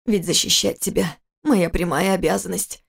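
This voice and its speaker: A woman voicing an injured man who speaks hoarsely and quietly, lower and softer than her narration. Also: fairly even intonation, moderate pace. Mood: weary stern. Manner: hoarse, slurred.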